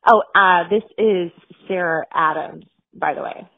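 A woman's voice: lowish voice, unhurried, vocal fry. A woman, a podcast co-host, leaving a chatty, rambling voicemail for her best friend over a phone line. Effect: voicemail message over a phone line.

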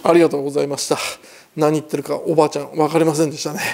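A man's voice: on the high side, flat delivery, very fast, creaky, a crowd in the background. A man hosting a casual news commentary, chatty and opinionated, with a lilt and rhetorical questions.

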